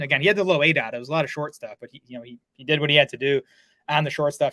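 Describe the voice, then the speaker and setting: A man's voice: on the high side, pushed and bright, dry recording. A man talking fantasy football in a casual podcast chat, full of fillers and restarts. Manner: fast, lots of filler words and restarts.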